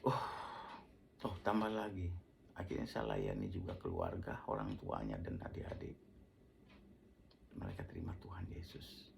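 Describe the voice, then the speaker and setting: A man's voice: a bass voice, expressive, normal speed, creaky, pauses often, background noise. A preacher telling his life story as a testimony, acting out quoted dialogue and often dropping to a near whisper.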